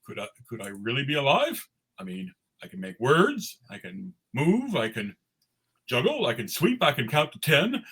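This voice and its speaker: A man voicing a cheerful, naive snowman who has come to life, with a raspy voice and innocent, exclaiming delivery, in a live cartoon script reading. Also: mid-range voice, wildly swooping pitch, normal speed, fairly bright tone, exaggerated voice. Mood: amazed, delighted. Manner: wide-eyed, exclaiming, innocent.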